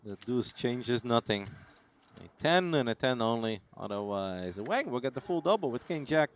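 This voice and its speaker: A man's voice: mid-range voice, big pitch swings, normal speed, a little hiss or hum. A man commentating on live poker in a casual, chatty, jokey and teasing way.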